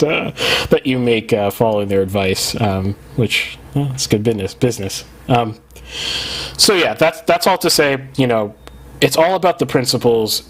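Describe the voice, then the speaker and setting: A man hosting a podcast in casual, rambling talk with many fillers, his overdriven mic clipping and distorting. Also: mid-range voice. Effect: clipping, distorted mic turned up too loud. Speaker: podcast host. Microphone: studio mic, gain set too high.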